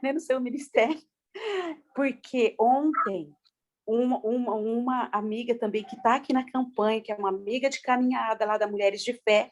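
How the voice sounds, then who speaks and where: A woman's voice: fairly high pitch, fairly even intonation, normal speed. A woman pastor speaking on a video call, emotional and tearful, talking effusively with many fillers. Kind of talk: testimony-filled church talk on a video call.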